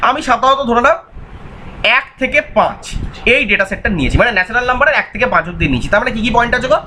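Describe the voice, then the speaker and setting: A male math teacher gives a recorded online exam-prep lecture. His voice sits very high and sounds bright and sharp. He talks fast and repeats each point as he quizzes his students. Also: sing-song, slight background noise. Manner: repetitive, quizzing, voices imagined student answers.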